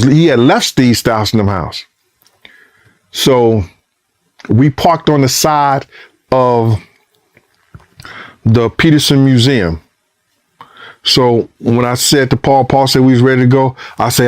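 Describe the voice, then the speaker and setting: A man, a former bodyguard, telling a story in a casual interview, cursing freely and acting out what people said, his voice rising high and loud in the tense parts. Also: takes it slowly, pauses often. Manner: profane, re-enacts dialogue, voice climbs high and loud when excited. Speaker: former bodyguard recounting events.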